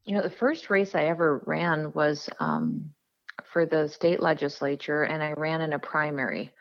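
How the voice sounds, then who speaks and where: Low, flat-voiced middle-aged woman. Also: normal speed, no echo, dull audio. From South Dakota, USA. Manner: earnest, plain-spoken, frequent "um"s. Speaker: guest, politician. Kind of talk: casual interview storytelling.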